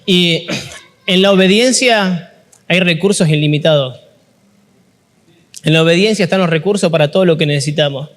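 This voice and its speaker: A man's voice: a little high, normal speed, pauses often, in a large hall. A man with an Argentine accent giving a chatty, jokey informal sermon at a workshop, often asking the audience questions. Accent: Rioplatense Spanish. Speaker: youth ministry speaker.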